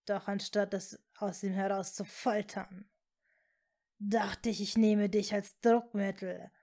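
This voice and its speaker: A woman voicing an evil male dark wizard who talks in a cold, mocking, hissing way. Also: mid-range voice, level tone. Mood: scornful. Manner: slow, scornful, hissing.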